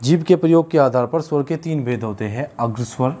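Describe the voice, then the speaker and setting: A male teacher works through a class at a patient pace, saying each key term again and again and stopping to fix his own slips. His pitch sits in a plain middle range. A faint hiss runs under the recording. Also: fairly quick, warm tone. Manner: explains step by step, repeats key terms, stops to correct himself. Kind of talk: classroom lesson.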